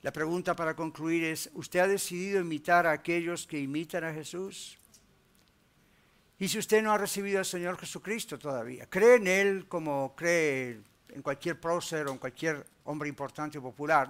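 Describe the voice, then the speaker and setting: Emphatic preaching man with a high voice. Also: normal speed. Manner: rising emphatic preaching, rhetorical questions, dropping low and soft in prayer. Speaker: pastor. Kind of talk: sermon with closing prayer.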